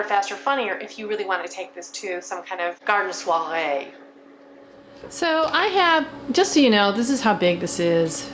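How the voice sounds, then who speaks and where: A woman's voice: mid-range voice, close to an everyday voice. A middle-aged woman playing a campy, glamorous housewife who hosts a chatty cooking demonstration with a theatrical drag-queen manner. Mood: campy, droll. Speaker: cooking show host. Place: home kitchen. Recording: clear background noise in kitchen.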